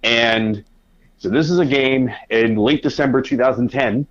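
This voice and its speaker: A man, a podcast guest and sports writer, telling animated anecdotes in a conversational way. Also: medium pitch, measured pace, highs cut off. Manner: animated anecdotes, acts out his own past reactions. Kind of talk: conversational storytelling.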